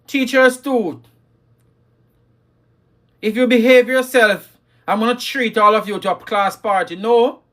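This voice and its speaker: A man's voice: very high-pitched, a little slow, long pauses, sharp tone. A man hosting a live talk on parenting, emphatic and scolding, repeating his key lines and reading viewer comments. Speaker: livestream host.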